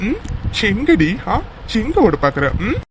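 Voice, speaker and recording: A man's voice: sits high, huge pitch swings, takes it slowly, heavy background noise, heavily acted. A young man voicing a devoted young lover in a cartoon, speaking earnestly and affectionately with a teasing edge. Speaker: narrating voice actor. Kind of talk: cartoon voice acting.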